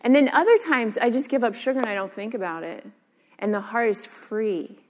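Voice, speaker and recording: A woman's voice: fairly high pitch, moderate pace, darkish tone. A woman teacher giving a casual dharma talk, chatty and full of "like" and "um". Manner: casual, chatty, many fillers. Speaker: meditation and yoga teacher. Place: meditation hall. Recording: long hall reverb.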